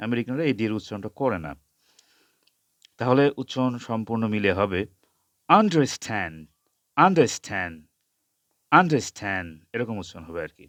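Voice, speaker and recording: A man teaching English pronunciation, spelling out sounds slowly and repeating each word several times. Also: on the low side, dry recording. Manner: mixes Bengali explanation with English words. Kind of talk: slow spoken lesson, spelling out sounds.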